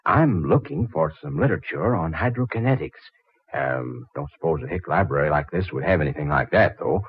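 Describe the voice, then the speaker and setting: A man's voice: very deep voice, expressive, brisk, vocal fry, slightly rough, heavily acted. An actor playing a brash, flustered young stranger in a 1940s radio drama, stammering and fumbling his words. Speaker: out-of-town engineer visiting a library. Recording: dull old radio recording.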